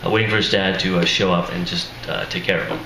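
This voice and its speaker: Speaking fast in a low, steady voice, a weary author introduces his book to an audience at a live reading. He's casual and pokes fun at himself, chuckling along the way, though his voice sounds strained. The venue is echoey and noisy.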